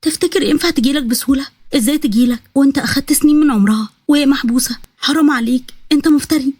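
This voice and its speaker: A woman's voice: sits high, very fast, a little mellow, no echo, close to an everyday voice. A woman with an Egyptian accent voicing a young captive princess who reproaches her brother. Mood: reproachful. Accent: Egyptian Arabic. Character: young captive princess, bitter yet loving sister.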